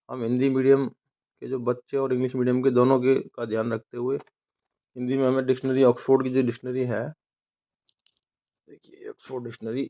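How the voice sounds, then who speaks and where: A man teaching English from newspaper headlines, who asks and answers his own questions and reads the English lines slowly, word by word. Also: mid-range voice. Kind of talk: explaining newspaper headlines and dictionary words. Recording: tinny phone-like audio.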